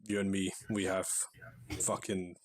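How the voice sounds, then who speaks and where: A man with a husky, lowish voice co-hosts a casual podcast. He talks bluntly and swears freely. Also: flat delivery, unhurried. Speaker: podcast co-host. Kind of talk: casual chat.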